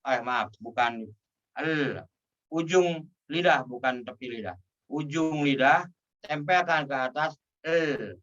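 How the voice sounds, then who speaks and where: A male recitation teacher speaks slowly and patiently, stretching each syllable as he drills it. His voice sits a bit high and sounds bright and forceful. He is recorded from a distance, so the sound is dull and lo-fi. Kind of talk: slow pronunciation drill lesson.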